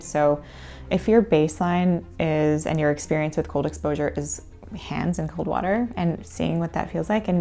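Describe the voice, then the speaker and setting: A woman giving explanatory advice as a coach in an interview, in a measured, instructive manner. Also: sits low, gravelly, warm tone, slight background noise. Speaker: cold exposure coach.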